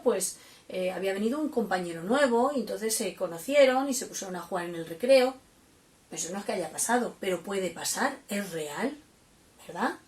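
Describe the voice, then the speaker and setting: A woman teacher giving a step-by-step lesson to young children, patiently explaining and asking them questions. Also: medium pitch. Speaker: primary school teacher. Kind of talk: home-learning lesson for children. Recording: roomy, from a distance.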